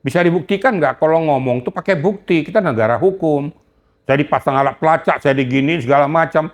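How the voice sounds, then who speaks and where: A man's voice: fairly high pitch, brisk. An older man, a retired general, speaking in an interview with indignant, scolding emphasis. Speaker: retired police general, guest. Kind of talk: heated interview talk.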